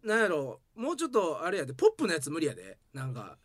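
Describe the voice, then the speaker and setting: A man's voice: fairly high pitch, huge pitch swings, racing, dry recording, studio quality. A young man with a Kansai accent, co-hosting a comedy podcast in casual banter, emphatic and laughing often. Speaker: comedy duo podcast co-host.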